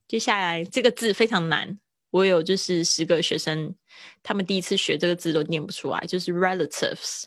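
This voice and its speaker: This female English teacher speaks a little fast in a lowish voice, recorded dry with clean studio quality. Her live-streamed lesson is chatty and patient, full of frequent laughter.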